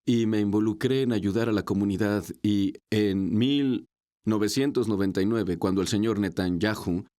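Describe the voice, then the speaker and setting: A man from New York, an interview guest, telling his story in a measured, conversational way. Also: on the low side, warm tone.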